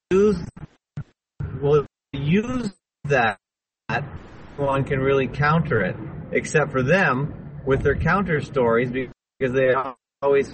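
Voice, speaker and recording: A man's voice: medium pitch, background noise. A man hosting a group call, speaking earnestly while his call audio keeps cutting out and choppy. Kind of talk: casual group call discussion. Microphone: online group call.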